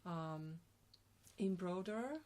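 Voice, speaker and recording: A woman in her forties from Slovenia, with a Slovenian accent, answering interview questions about her design work with many pauses and ums. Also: on the low side, animated, darkish tone. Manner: hesitant, many ums and restarts. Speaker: graphic designer, guest.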